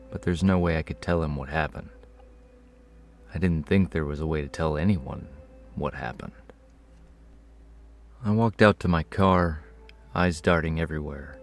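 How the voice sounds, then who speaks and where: A man reading a first-person horror story in a measured, low-key way. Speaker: narrator. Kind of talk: scripted horror story narration.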